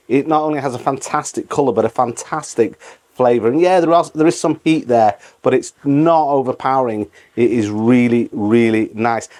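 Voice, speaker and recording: A man's voice: medium pitch, darkish tone. Man casually hosting a cooking tutorial. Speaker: cooking channel host.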